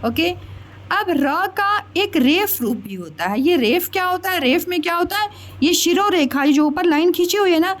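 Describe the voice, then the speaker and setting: A woman with a very high, expressive voice speaks at a moderate pace, patiently taking children through a grammar lesson step by step. She addresses her listeners as children and checks often that they understand.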